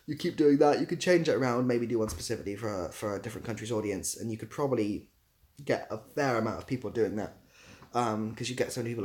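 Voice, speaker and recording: Speaking in a fairly low, darkish voice, a young YouTuber with a southwest English accent from near Bath rambles through a casual livestream, often putting himself down.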